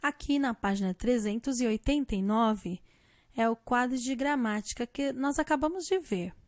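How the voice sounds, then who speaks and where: A woman's voice: on the high side, normal speed, a little mellow, dry recording. A woman teacher with a Brazilian Portuguese accent, patiently explaining an English grammar lesson and spelling letters out one by one.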